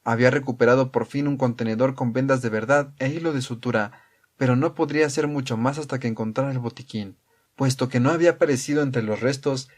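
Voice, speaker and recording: A man narrating an audiobook in a calm, measured reading style. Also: medium pitch.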